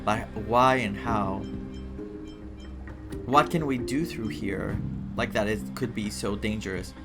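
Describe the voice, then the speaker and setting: A Greek game streamer gives casual commentary and reacts aloud while playing, in a mid-range voice at a slow pace. Game music plays behind the voice.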